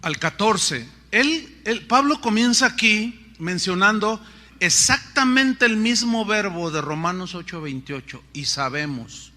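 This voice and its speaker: A man's voice: high voice, unhurried, bright, forceful tone. A middle-aged man, preaching a sermon with rhetorical questions and playful asides. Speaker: pastor.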